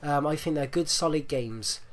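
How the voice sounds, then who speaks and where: A man's voice: a little high, moderate pace. Phlegmy man with a chesty rattle. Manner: hesitant, rambling, repeats himself. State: phlegmy, getting over flu. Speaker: gaming video host. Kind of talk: casual gameplay commentary.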